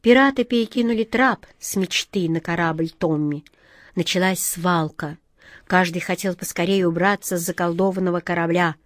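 A woman narrating a fairy tale in an expressive storybook reading. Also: fairly low pitch, normal speed, no room sound. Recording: dry close recording.

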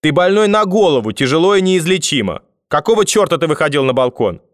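Brief: elderly granny, foul-mouthed and shrieking at her grandson, a man doing the voice, high and loud, dry booth read. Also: sing-song, fast talker, no echo. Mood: furious scolding. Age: older. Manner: shouting insults, high and loud. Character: shrill scolding old grandmother, furious and sharp-tongued. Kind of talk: audiobook character voice.

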